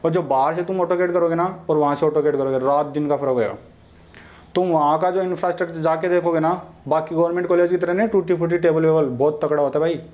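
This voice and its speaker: A man's voice: a little high, fairly even intonation, quick pace. A young man teaching an online exam-prep lesson in a casual, chatty way, talking straight to his viewers. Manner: chatty, addresses viewers directly and familiarly. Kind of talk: casual informal lecture. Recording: dull lo-fi sound.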